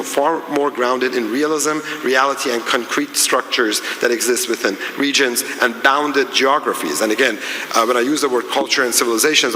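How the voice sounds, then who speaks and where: Male panelist, measured academic delivery, bright tone, long reverberant hall. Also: medium pitch, a little hiss or hum. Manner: measured, academic, frequent restarts and fillers. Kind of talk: conference panel remarks. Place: large conference hall. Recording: echoey, reverberant conference hall.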